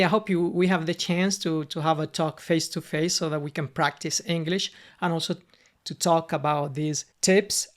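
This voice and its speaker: This mid-range voice belongs to a Cuban-accented, middle-aged tutor from Cuba who speaks Spanish as a first language. Delivering an unscripted lesson monologue, he's earnest and conversational, repeating words while hunting for them.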